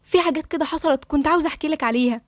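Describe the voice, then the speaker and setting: A gentle young bride from a storybook, soothing and a little hesitant, speaking in Egyptian Arabic, as a woman reads her. The voice is fairly high and very quick. It is recorded dry and close. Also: no echo, close to an everyday voice. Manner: calm and reassuring.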